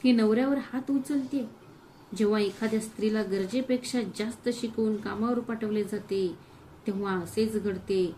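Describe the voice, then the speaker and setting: A woman doing a scornful, shrill mother-in-law. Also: moderate pace, warm tone, a little hiss or hum, close to an everyday voice, low-quality recording. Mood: outraged. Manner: accusing, shrill complaining.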